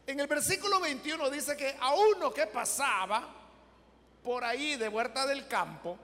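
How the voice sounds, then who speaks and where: A male preacher delivers a dramatic sermon, swinging from shouts to hushed asides. His voice is very high, bright and gravelly. It echoes in a church hall with faint noise behind it. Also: measured pace. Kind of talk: sermon with storytelling.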